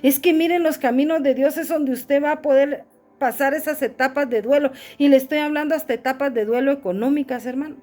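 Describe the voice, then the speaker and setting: A woman's voice: high voice, brisk, a little mellow, soft background music. A middle-aged woman pastor preaching a sermon, calling listeners "brother" and asking rhetorical questions.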